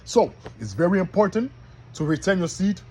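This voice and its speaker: A man's voice: sits high, big pitch swings, normal speed, darkish tone, slight background noise, poor audio. A man preaching informally to his listeners in a folksy way, often checking that they follow along. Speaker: online preacher.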